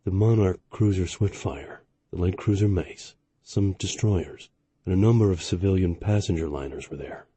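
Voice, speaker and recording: A doubtful starship commander asks pointed questions and reports in a matter-of-fact tone, as a man narrating an audiobook voices him. The voice is low, dark and a little husky. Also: normal speed, dry recording. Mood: questioning.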